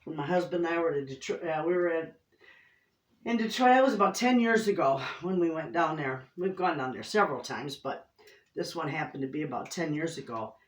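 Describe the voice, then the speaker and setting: A woman's voice: low voice, expressive, a little fast. A middle-aged woman with an Inland Northern Michigan accent, chatting casually and effusively to camera in a folksy way, often repeating herself. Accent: Inland Northern American (Michigan). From Michigan, United States. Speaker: homestead cooking vlogger. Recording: roomy echo, distant microphone.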